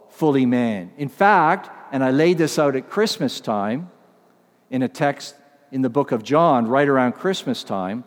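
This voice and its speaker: A man preaching an expository sermon to his congregation, earnest, repeating key phrases and posing rhetorical questions. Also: fairly high pitch. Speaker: pastor. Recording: long reverb of a large hall.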